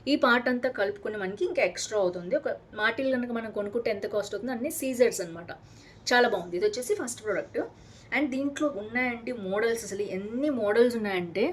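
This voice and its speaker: Fast-talking chatty Telugu woman vlogger. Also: on the high side, slight background noise. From Hyderabad, India. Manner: chatty, enthusiastic, mixes English words into Telugu. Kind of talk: casual product unboxing vlog.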